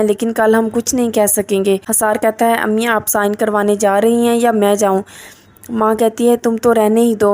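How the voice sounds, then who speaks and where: A woman's voice: a little high, a little mellow. A woman narrating a scripted episode recap and reading the characters' lines in her own voice. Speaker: drama reviewer.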